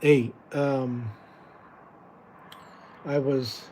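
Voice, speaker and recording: A man talks to his livestream viewers from a room full of houseplants, rambling and joking as his thoughts drift. His voice sits at an ordinary middle pitch, and a faint hum of background noise runs under it. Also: fairly even intonation, very slow, mellow. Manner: rambling, jokey, distracted, self-correcting. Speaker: livestream host. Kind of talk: casual livestream chat with viewers. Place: home room with houseplants, indoors.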